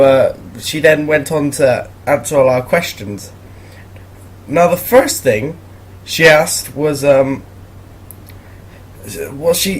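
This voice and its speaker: Husky rambling teenage boy. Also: medium pitch. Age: teens. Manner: rambling, laughing, awkward. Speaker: vlogger. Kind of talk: casual storytelling commentary.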